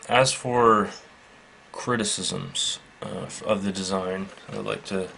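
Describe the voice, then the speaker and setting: A product reviewer casually demonstrates a product without a script, his lowish, gravelly voice staying even. He speaks slowly, measured and halting, in a matter-of-fact way, with faint background noise.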